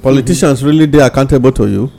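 A man's voice: mid-range voice, very fast, vocal fry, dark tone. A Nigerian man speaking Nigerian Pidgin as host of a radio talk show discussion.

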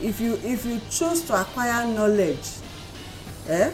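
A woman's voice: a little high, sing-song, measured pace, low-quality recording. Nigerian woman hosting in Pidgin, music behind. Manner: emphatic, repeats words and phrases. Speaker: radio talk show host. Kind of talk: casual current-affairs chat in Nigerian Pidgin.

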